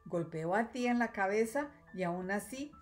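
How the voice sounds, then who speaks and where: A woman teacher reading a children's storybook aloud, clear and expressive. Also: mid-range voice, moderate pace. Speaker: third-grade teacher.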